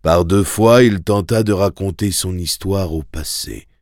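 A man narrating a story in the first person in a measured, grave way, for an audiobook. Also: sits low, darkish tone, dry recording, clean studio sound.

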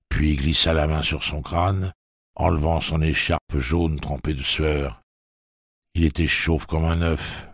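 Male audiobook narrator, extremely deep, husky, dry close recording. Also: no echo. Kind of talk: scripted narration.

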